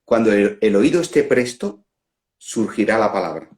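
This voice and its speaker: Hombre, acento español, voz algo grave, charla espiritual meditada, tono de quien piensa en voz alta. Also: male voice, fairly low pitch, lively intonation, a little mellow. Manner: unhurried, musing, laughs at own examples. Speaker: non-duality facilitator. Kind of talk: reflective spiritual talk. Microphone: phone on a live stream.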